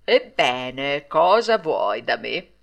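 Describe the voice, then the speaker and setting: A woman putting on a gruff bearded puppet-master who speaks slow and low. He sounds stern, with a soft heart underneath, in a storybook reading. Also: steady tone, lo-fi sound.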